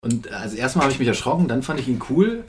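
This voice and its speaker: A woman hosting a casual family chat, chatty and teasing, often pausing with fillers. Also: a bass voice, big pitch swings, darkish tone, a little hiss or hum. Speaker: podcast host and mother.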